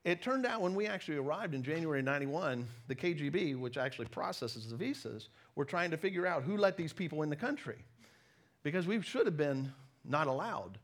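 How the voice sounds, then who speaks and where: With a fairly high, expressive voice, this middle-aged former missionary from the United States preaches a sermon full of personal anecdotes. He keeps it conversational yet emphatic, pokes fun at himself, and leaves deliberate pauses.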